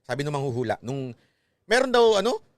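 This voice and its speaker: A man's voice: fairly high pitch, very animated, fairly quick, no echo. A Filipino man hosting a casual YouTube livestream, joking and mocking, often slipping into sung phrases. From Philippines.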